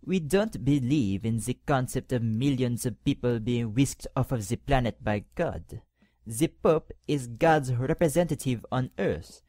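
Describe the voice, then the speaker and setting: An actor playing a power-hungry cardinal who talks to the pope in a condescending, mock-polite way in an audio drama. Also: male voice, mid-range voice, mellow, dry recording, clean studio sound.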